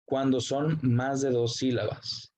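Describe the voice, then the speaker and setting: Slow-spoken man teaching English grammar. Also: medium pitch, fairly even intonation, warm tone. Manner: slow, deliberate explanations, spelling out letters and translating each example. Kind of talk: recorded grammar lesson.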